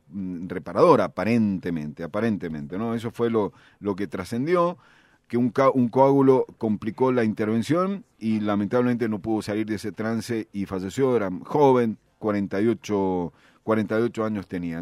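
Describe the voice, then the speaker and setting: Hesitant radio host, low voice. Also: male voice, darkish tone, dry recording. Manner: hesitant, many restarts and fillers. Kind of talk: radio interview. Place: radio studio.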